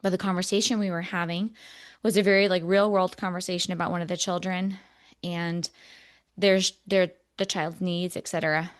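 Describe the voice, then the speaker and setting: A woman's voice: lowish voice, flat delivery, normal speed. A woman co-hosting a podcast, talking in an earnest, reflective way with many fillers, close to tears. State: emotional, near tears. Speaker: podcast co-host. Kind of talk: casual podcast conversation.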